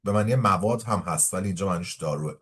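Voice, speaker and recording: A man teaching English, reading a story slowly aloud and explaining it quickly in Persian. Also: low voice, fairly bright tone, breathy edge.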